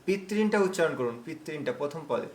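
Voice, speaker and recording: A man teaching an online recitation class over a video call, patient and explaining slowly, drawing out words as he recites. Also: on the high side, lively intonation, darkish tone, a little hiss or hum.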